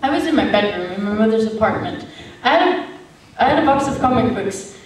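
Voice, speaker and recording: A young woman performing a stage monologue, telling her story with lively delivery. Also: a little high, brisk, lightly acted. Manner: lively storytelling, switching into quoted voices. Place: stage in a hall. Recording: echoey hall from far off, faint noise.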